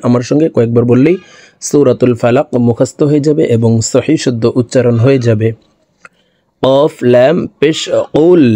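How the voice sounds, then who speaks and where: A man teaching Quran recitation, spelling out each verse letter by letter, then chanting the words slowly and melodically between brisk explanations. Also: medium pitch, warm tone, no room sound.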